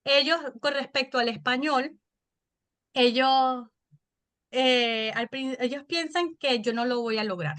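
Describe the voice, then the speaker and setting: A woman in her thirties with a Venezuelan accent, a podcast guest telling stories in an animated, chatty way. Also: sits high. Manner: animated storytelling, quick and chatty. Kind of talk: casual interview chat.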